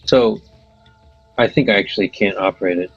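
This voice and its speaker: Male game player, casual planning talk, low-pitched, dull lo-fi sound with music behind. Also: fairly quick, slightly rough.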